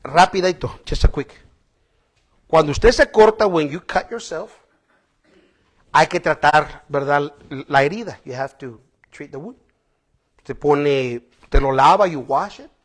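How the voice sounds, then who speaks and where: Man, bishop preaching, bilingual sermon, high-pitched, animated. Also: takes it slowly, pauses often. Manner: switches between Spanish and English, animated with laughs.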